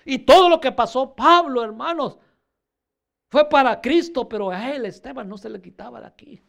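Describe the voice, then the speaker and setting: A man's voice: very high voice, normal speed, vocal fry, a bit bright. A male pastor preaching a fervent sermon, repeatedly calling his listeners brother.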